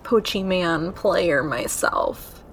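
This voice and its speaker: A woman's voice: fairly low pitch, very slow, gravelly, a little hiss or hum. A woman co-hosting a podcast in casual chat, asking playful, jokey questions. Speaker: podcast co-host.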